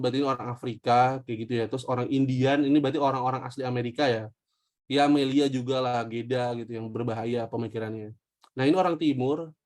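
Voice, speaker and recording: A young man teaching an online history class in a loose, joking way. He speaks with a slang flavor, throws questions at the class and answers them himself. His voice sits at an ordinary middle pitch. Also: darkish tone. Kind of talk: casual online history lesson.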